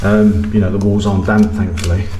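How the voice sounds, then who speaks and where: Touring a stripped-down little cottage for his renovation channel, a man speaks fairly quickly in a low, level voice, often saying um and correcting himself. The bare rooms echo, and background noise is audible.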